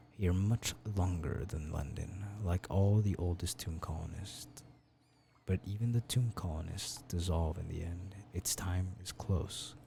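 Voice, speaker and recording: Young male streamer, very deep dark gravelly voice, reads game text aloud, slips into a hushed whisper, faint background noise.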